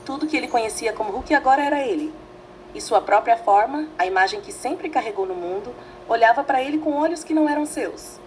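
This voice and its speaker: A woman narrating a fanfiction story in a dramatic, measured way, reading in short phrases. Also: on the high side, expressive, a little hiss or hum, low-quality recording.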